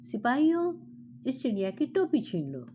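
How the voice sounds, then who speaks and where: A woman's voice: a little high, big pitch swings, normal speed, muffled recording, noisy background. A woman voicing a hot-tempered male king who barks orders at his soldiers. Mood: furious. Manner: raised shouted commands.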